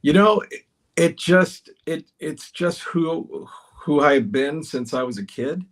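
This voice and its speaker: A middle-aged man from Houston, a guest on a podcast, telling stories about his past in a relaxed, casual way with frequent restarts. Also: a little high, slow pace. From Houston, Texas. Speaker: podcast guest, baseball historian. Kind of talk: casual interview storytelling.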